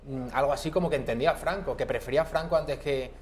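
A man's voice: mid-range voice, fast talker, slight background noise. Young man presenting a TV studio talk. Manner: leading, questioning, ironic. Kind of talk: TV studio discussion. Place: TV news studio. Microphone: lapel mic.

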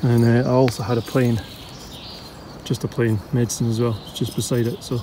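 A man's voice: mid-range voice, flat delivery, moderate pace, background noise. Chatty Scottish man digging outdoors. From Scotland. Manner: chatty, enthusiastic, thinking aloud. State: out of breath at times. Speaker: bottle digger and vlogger. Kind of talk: casual commentary while digging. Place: outdoor dig site.

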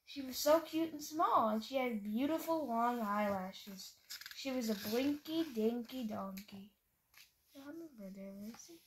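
In a bedroom at home, a woman reads a picture book aloud in a playful, sing-song voice, leaning into the rhymes. Her pitch is on the high side and her pace measured. The home video has poor audio with clear background noise.

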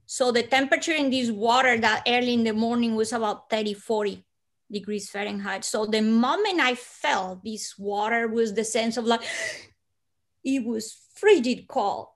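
Over a video call from her home living room, an interview guest tells a personal story: a woman in her forties from Colombia with a Colombian Spanish accent. She speaks slowly in a hushed, slightly high voice that softly dips into breathiness and then lifts without warning.

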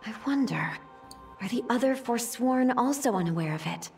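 Female dutiful angelic soldier, fairly high voice, fantasy game, distant with music. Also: animated, moderate pace. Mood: pensive. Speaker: game character. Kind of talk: fantasy video game voice acting.

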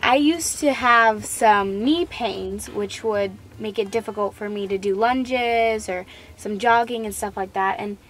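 A young woman co-hosts a casual snack review from a parked car, recorded by a camera mounted inside. She sounds earnest and a bit hesitant, restarting sentences, and her medium-pitched voice is a little slow and slightly bright.

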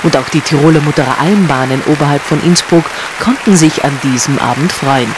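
A man reading a scripted news voice-over in an upbeat, measured tone. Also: fairly high pitch. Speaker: news narrator. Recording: narration over music and crowd chatter. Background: music and crowd noise.

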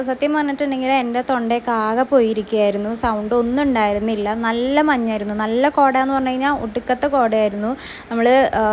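Fast-talking chatty young woman vlogger. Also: fairly high pitch, a little hiss or hum. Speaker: family vlogger. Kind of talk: casual chat to camera.

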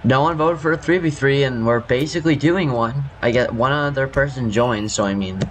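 Young guy, scratchy just-woke-up voice, mid pitch, rambling gameplay commentary, faint background hiss. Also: fairly quick. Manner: rambling, self-correcting, apologetic. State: scratchy morning voice. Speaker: gaming youtuber.

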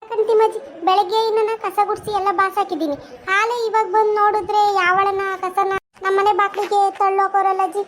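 An indignant village housewife pours out complaints in a cartoon quarrel, voiced by a performer. The voice is very high and races along. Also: female voice, little pitch movement, fairly quick, a bit bright, a little hiss or hum. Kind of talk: cartoon voice acting.

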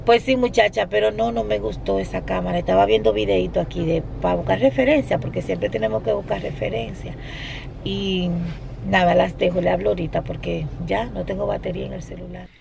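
Woman vlogger in a car, kinda gravelly voice, noisy phone audio. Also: mid-range voice, fairly even intonation, a little fast. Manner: chatty, laughing, addresses viewers directly. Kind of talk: casual chat to camera. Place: inside a car. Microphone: phone camera.

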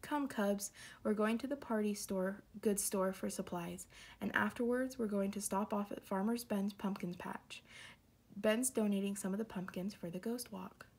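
An enthusiastic father bear who gets swept up in his own holiday schemes, read aloud by a woman. He speaks a little quieter than the narration, with a creaky, husky edge to the voice. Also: medium pitch, normal speed. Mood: eager. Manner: enthusiastic, gets carried away. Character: eager fussy father bear.

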